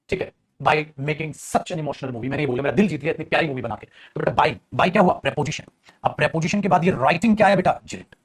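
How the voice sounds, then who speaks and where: Animated Indian man teaching grammar. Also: on the high side. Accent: Hindi-speaking Indian. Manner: addresses students as beta, animated and coaxing. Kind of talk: online grammar lesson.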